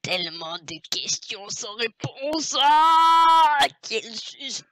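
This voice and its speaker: Woman, parody horror let's-play host, strained put-on voice, slow deadpan delivery breaking into shrieks and whispers, bright tone, dry close mic. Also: mid-range voice, no room sound. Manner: deadpan mock-scary narration with sudden shrieks and whispers. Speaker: gameplay commentator.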